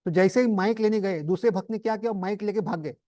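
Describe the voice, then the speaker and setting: Male spiritual teacher, high voice, dry recording, chatty storytelling sermon style. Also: fast, dark tone, no echo. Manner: conversational, anecdotal, mixes English terms. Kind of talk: Hinglish devotional talk to a group.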